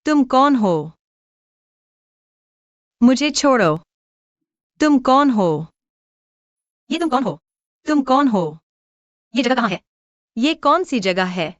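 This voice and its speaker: A woman's voice: a little high, fairly bright tone, dry recording, lo-fi sound. A voice actress dubbing a frightened young woman who pleads desperately to be let go, in a drama dub. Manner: pleading, panicked.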